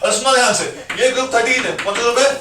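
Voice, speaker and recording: High-voiced teacher chanting mnemonics. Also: male voice, very fast. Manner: drills mnemonics, sing-song chanting. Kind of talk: classroom lecture with call-and-response. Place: classroom. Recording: echoey classroom from far off, loud crowd.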